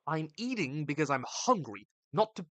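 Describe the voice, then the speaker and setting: A man's voice: fairly high pitch, sing-song, moderate pace, fairly bright tone, no room sound. A young man live-streaming, casually reading chat aloud and bantering back in a slangy, laid-back way on a desk mic. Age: young adult.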